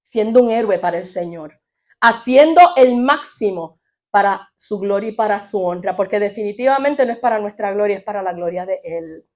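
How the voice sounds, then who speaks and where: A woman preaching a sermon in an animated way, often asking her congregation questions. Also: mid-range voice, normal speed, muffled recording. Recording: audio of a sermon.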